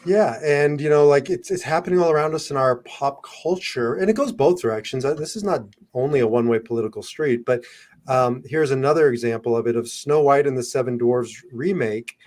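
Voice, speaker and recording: A man's voice: mid-range voice, brisk, a little mellow. Man, medium voice, casual podcast talk, opinionated, emphatic. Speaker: podcast co-host.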